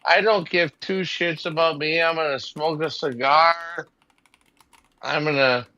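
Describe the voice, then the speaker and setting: A man's voice: fairly high pitch, steady tone, unhurried, sharp tone, dry recording, lo-fi sound. A man in his forties, host of a casual group chat, who talks emphatically, repeats himself and swears freely. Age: 40s. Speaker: livestream host.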